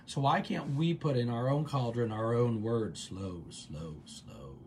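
Calm man guiding a gratitude practice. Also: slight background noise. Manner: calm, drawn-out repetitions dropping soft and low. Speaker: meditation host. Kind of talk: guided gratitude practice on a livestream. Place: office.

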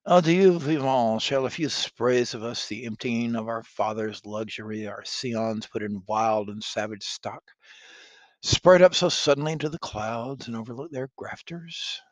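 A man reads a haughty young French prince, scornful of the enemy. He declaims the verse with a lifted, forceful edge. The recording is dry. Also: medium pitch, moderate pace, no echo, natural voice.

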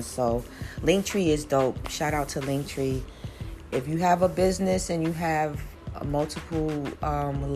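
A woman's voice: low-pitched, darkish tone. A woman in her forties chatting casually with her viewers, rambling a little and using many fillers. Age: 40s. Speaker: vlogger and small business owner. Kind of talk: casual chat to camera. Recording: music playing behind her.

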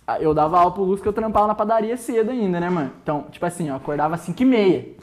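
A man's voice: sits high, lively intonation. A man with a Brazilian Portuguese accent, co-hosting a podcast in casual chat and telling stories full of slang and jokes. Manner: slangy storyteller, quick and joking. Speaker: podcast co-host.

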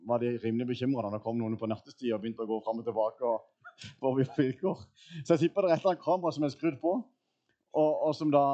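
A man in his thirties preaching a sermon in a church, telling a personal story in a relaxed way with many fillers. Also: medium pitch, dull audio. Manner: casual storytelling with fillers and laughs. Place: church hall.

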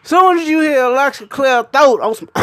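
A man's voice: very high voice, brisk, no room sound. A young man delivering a profane, emphatic comic rant, laughing often. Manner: animated, emphatic and laughing, with frequent swearing.

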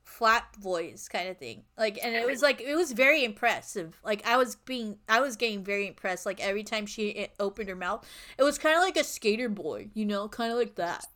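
A woman's voice: mid-range voice, animated, brisk, a bit bright. A woman co-hosting a casual chat about a film, rambling with lots of "like" and restarts. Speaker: podcast co-host.

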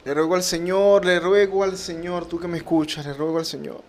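A male radio preacher with a notably high voice addresses his listeners directly. He speaks fervently and pleads, circling back over the same phrases again and again. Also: level tone, fairly quick.

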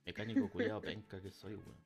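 A man's voice: on the low side, fairly quick, gravelly. Chilean guy on a podcast, swears a lot, voice bouncing all over, lil music in back. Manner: crude slangy storytelling, animated, acts out other voices. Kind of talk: casual storytelling chat.

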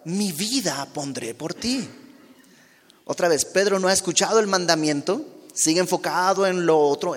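A man preaching a sermon, expressive, acting out quoted dialogue and dropping to soft, quiet tones. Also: high voice. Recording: long hall reverb.

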